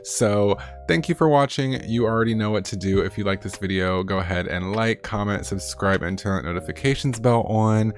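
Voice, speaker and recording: A man's voice: lowish voice, moderate pace, hardly any pauses. A man, a gaming YouTuber, giving a chatty, upbeat walkthrough of game mods and rattling off lists of features. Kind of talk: casual gameplay commentary.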